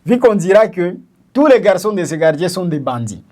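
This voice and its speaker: A man's voice: sits high, big pitch swings, moderate pace, a little mellow. A man from Congo co-hosting a discussion, explaining with examples and many hesitant fillers. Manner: explains with examples, asks questions. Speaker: podcast co-host. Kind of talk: casual discussion.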